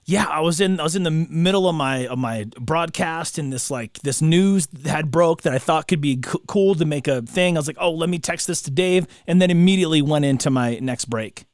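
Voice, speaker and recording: A man co-hosting a casual podcast, telling stories in a slangy, excitable way with repeated words. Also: a little high, a little fast, hardly any pauses, dry recording, studio quality. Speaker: podcast co-host; broadcaster. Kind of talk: casual chat.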